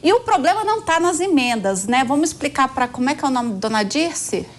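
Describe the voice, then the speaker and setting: High-voiced Brazilian woman commentator. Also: very animated, a little fast. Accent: Brazilian Portuguese. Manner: earnest, explanatory, many fillers. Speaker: political commentator. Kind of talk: political panel discussion.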